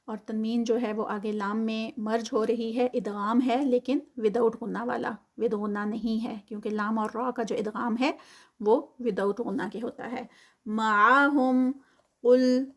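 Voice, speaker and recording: Female recitation teacher, slightly high voice, patient and methodical in a tajweed lesson. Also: a little mellow. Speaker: Quran teacher.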